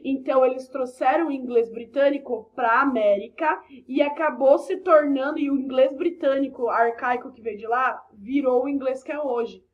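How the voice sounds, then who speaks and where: A woman's voice: sits high, moderate pace, hardly any pauses, lo-fi sound. A Brazilian woman teaching an English class, explaining step by step with chatty asides and frequent "ok?" checks. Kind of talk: recorded online class explanation.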